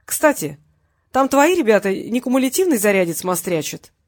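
A woman's voice: mid-range voice, very animated, moderate pace, no echo. Woman reading a cocky, genial hitman. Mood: taunting. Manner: genial tone over threats. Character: cocky male hitman, mocking and menacing.

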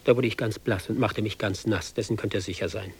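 A man's voice: on the low side, fairly even intonation, fairly quick, breathy edge. An actor playing a hapless young army recruit, reciting his tale in ironic, sing-song rhyme for a radio play. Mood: sardonic.

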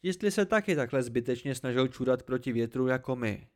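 A man voicing a gruff, quarrelsome male mercenary who grumbles and provokes in an amateur storybook reading. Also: mid-range voice, animated, a little mellow, close to an everyday voice. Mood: grumbling.

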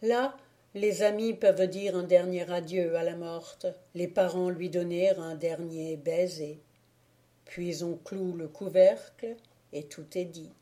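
A woman reading a classic novel aloud as an audiobook, in a measured, dramatic way. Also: fairly low pitch, steady tone, warm tone. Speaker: audiobook reader. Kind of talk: scripted audiobook narration.

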